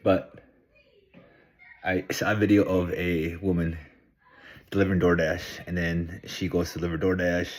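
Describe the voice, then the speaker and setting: A man's voice: low-pitched, level tone, normal speed, pauses often. A middle-aged man from Peru, talking to camera in a casual, earnest, reflective monologue. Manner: earnest, reflective, thinking aloud. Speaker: vlogger.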